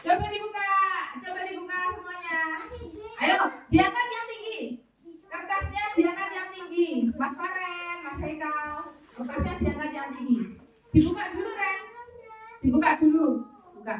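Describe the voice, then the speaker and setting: A woman's voice: very high voice, moderate pace, crowd noise. A woman primary school teacher with a Javanese accent, coaxing children with playful questions. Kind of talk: classroom lesson with children. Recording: roomy, far from mic, noisy class. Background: children chattering.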